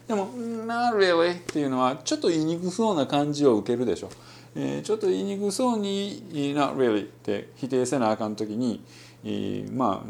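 A man with a Kansai Japanese accent giving a relaxed, rambling spoken lesson on learning English, full of fillers and with English phrases mixed in. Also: medium pitch, vocal fry, a little hiss or hum. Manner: demonstrates English phrases in between. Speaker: English-learning podcast host.

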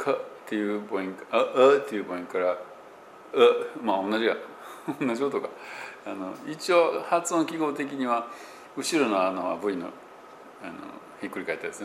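A man with a Kansai Japanese accent explains English pronunciation casually, stopping often on fillers as he works through examples. His voice sits fairly low but moves lively up and down. The room around him echoes, with a faint hiss underneath.

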